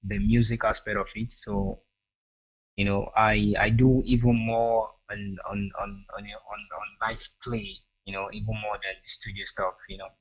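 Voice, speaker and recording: A man's voice: fairly low pitch, flat delivery, a little slow, lo-fi sound. A man from Nigeria, a singer guesting on a radio interview, talking hesitantly with many "you know" fillers and restarts. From Edo State, Nigeria.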